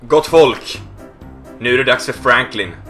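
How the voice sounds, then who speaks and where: A young man giving joking, excitable commentary over a video game. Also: mid-range voice, faint music behind. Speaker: gaming YouTuber.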